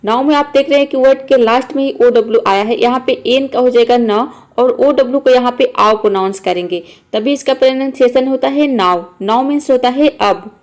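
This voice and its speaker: Speaking briskly in a slightly high, darkish voice, a female English teacher walks through pronunciation rules. Her manner stays patient, methodical and repetitive.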